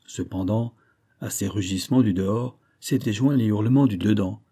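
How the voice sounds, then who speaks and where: Male audiobook narrator, low-pitched and mellow, steady measured reading. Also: slightly rough. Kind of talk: scripted narration of a classic novel.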